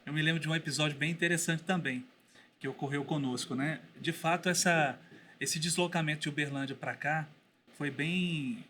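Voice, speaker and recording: A man speaking as a podcast guest and teacher, telling a story in a thoughtful way with pauses and restarts. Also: fairly high pitch, bright, forceful tone, slight background noise. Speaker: guest, Bible school teacher. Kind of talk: casual podcast conversation.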